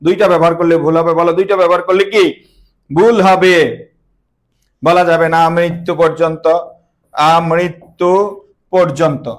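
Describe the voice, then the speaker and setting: A man's voice: on the high side, level tone, brisk, pauses often. Man teaching a class, quizzing students. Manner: quizzes students with repeated questions; repeats words emphatically. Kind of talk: online class lecture.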